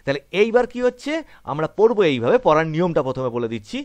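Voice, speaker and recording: Male English tutor, Bengali native, online class, animated delivery, dry close sound. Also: a little high, fast, no room sound. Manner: explains step by step, checks in with "right?". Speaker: English teacher.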